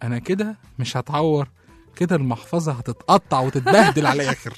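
A man's voice: on the high side, animated, fast talker, husky, dry recording, soft background music. An Egyptian-accented man in comic sketch dialogue, complaining with exaggerated indignation and frequent laughs.

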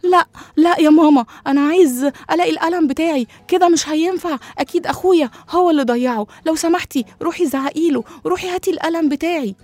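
A woman voicing an angry, whiny little boy who shouts and insists, with an Egyptian accent, in a children's story. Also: sits high, racing, no echo, voice pushed up, lightly acted. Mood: angry shouting. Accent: Egyptian Arabic.

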